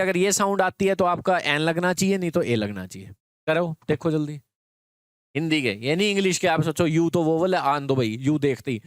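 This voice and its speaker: Male teacher, clear voice, dry sound. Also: a little high, no room sound. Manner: explains step by step, often checks in with students. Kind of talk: exam prep grammar lesson.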